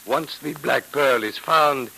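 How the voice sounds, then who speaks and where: An actor in old radio drama style playing a courteous, resigned Egyptian cult captive with formal, deliberate phrasing. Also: male voice, medium pitch, creaky, pushed and bright, full character voice. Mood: earnest. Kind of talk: 1940s radio drama acting. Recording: noisy vintage radio recording.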